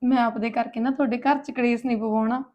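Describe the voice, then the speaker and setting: A woman's voice: a little high, fairly even intonation, fast talker, muffled recording, close to an everyday voice. A woman playing a tearful, meek visiting sister. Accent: Punjabi. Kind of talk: comic family drama acting.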